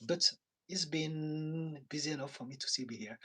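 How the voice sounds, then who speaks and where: A tired therapist from France, now at home in London, chats casually on a live stream, reading out viewer comments, laughing often and making soft asides. His French-accented voice is on the high side, unhurried and slightly rough.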